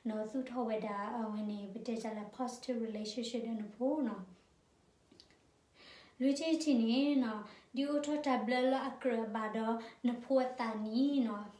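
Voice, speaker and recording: Mellow-voiced woman, distant and echoey. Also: fairly high pitch. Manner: halting, with frequent fillers and tag questions. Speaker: speaker giving a community talk. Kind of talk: informal educational talk. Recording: echoey room, voice distant from mic.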